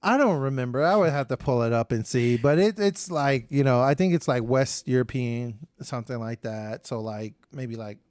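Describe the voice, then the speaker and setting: A man's voice: medium pitch, normal speed, hardly any pauses, darkish tone, no echo, clean studio sound. A young adult man and father, co-hosting a podcast in casual, joking banter. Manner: joking, teasing, laid-back. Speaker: podcast co-host. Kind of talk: casual chat.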